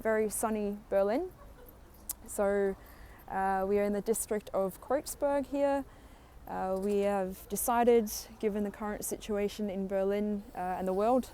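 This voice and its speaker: The speaker is a thirty-something Australian woman guiding a live walking tour along a sunny street, her chat full of "uh" fillers and her accent Australian. Her mid-range voice has a dark tone, and the phone microphone adds a little hiss or hum.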